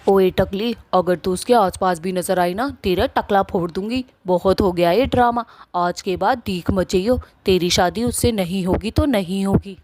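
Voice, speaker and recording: A woman's voice: mid-range voice, moderate pace, darkish tone, no echo, lightly acted. A woman voicing a fiery, jealous young wife in a cartoon story, scolding and emotional. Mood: threatening. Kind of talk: cartoon voice acting.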